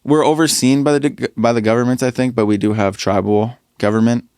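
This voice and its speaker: A man's voice: mid-range voice, fairly even intonation, a little fast, a little mellow, smooth, dry recording. A young man, a podcast guest and rapper, talking casually with many fillers and restarts into a studio mic. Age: young adult. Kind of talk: casual interview chat.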